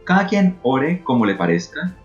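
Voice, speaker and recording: A man being interviewed speaks earnestly and emotionally about faith and prayer, often repeating words for emphasis. His voice is medium-pitched and sing-song at a moderate pace. The recording is muffled, with faint music behind him.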